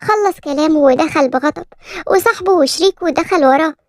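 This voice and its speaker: Fast high-voiced Egyptian woman narrator. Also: dry recording, studio quality. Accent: Egyptian Arabic. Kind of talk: scripted story narration.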